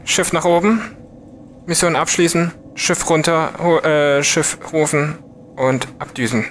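A man's voice: a little high, steady tone, a little slow, a little hiss or hum. A German man giving casual game commentary as a let's player. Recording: very loud music and game sounds behind. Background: music, vehicle and game sounds.

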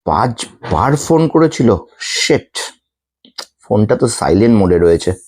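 A man's voice: fairly low pitch, very animated, normal speed, darkish tone, husky. Man playing a stressed husband. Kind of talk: acted family short drama.

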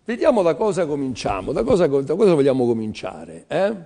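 A man's voice: on the high side, wildly swooping pitch, brisk, mellow. An older man hosting a live art sale on television, talking in a chatty, teasing, rambling sales patter. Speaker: TV art auction seller.

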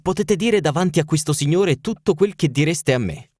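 An Italian man reading an audiobook, voicing a languid, sharp-witted detective with a dry, clipped manner. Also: fairly high pitch, animated, normal speed, no echo, voice pushed up. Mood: firm.

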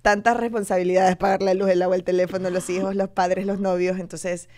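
With a lowish voice and a fairly quick pace, a thirty-something Ecuadorian television presenter tells her story candidly in an interview. She brings it to life by imitating the people she quotes.

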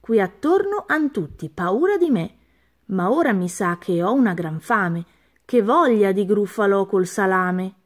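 Woman voicing clever cheeky male mouse, storybook, sly, confident, lively lilt. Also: medium pitch, measured pace. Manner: sly, self-assured.

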